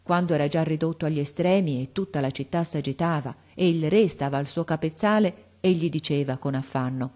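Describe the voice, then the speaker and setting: A woman's voice: sits low, fairly quick, hardly any pauses, darkish tone. Woman reading a literary audiobook. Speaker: audiobook narrator.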